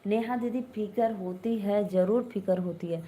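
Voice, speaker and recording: A young woman with an Awadhi-tinged Hindi accent hosts a casual live stream, chatting with viewers and answering their comments. Her voice is medium-pitched and mellow, at a normal speed.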